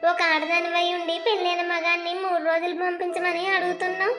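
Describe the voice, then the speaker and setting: A woman's voice: very high-pitched, completely flat delivery, fast, over music. A woman voicing a shamed, angry middle-aged village mother who scolds her son in a cartoon. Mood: scolding. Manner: scolding, reproachful. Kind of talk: cartoon voice acting.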